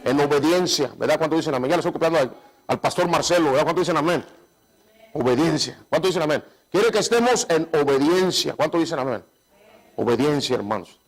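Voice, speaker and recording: A man preaching in a church with a notably high voice. He keeps calling for amens and calling his listeners brothers. His delivery jumps between loud, raised lines and quiet, low asides. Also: expressive, a little fast, rough recording. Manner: call-and-response, repeating "¿cuántos dicen amén?" and "hermanos"; restarts and repeats phrases often. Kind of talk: sermon.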